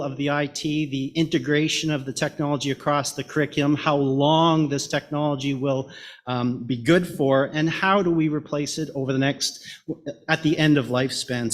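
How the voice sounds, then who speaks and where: A middle-aged man with a Canadian Maritimer accent, giving a prepared conference presentation in a measured way. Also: on the high side. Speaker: education director, presenter.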